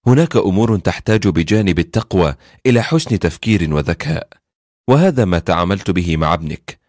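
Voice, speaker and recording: Brief: a calm, pious, wise wife in a told story, read by a man, quiet, low and measured. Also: no room sound, studio quality.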